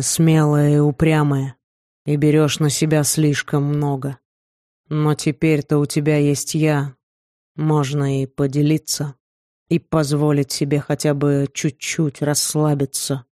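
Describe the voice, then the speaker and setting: A tender young snow prince, voiced by a woman reading an audiobook, soothing and protective in a soft, low-key way. His tone is warm and mellow, set against a dry, close sound with no room around it. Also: little pitch movement, a little slow, dry recording. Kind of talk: audiobook character voice.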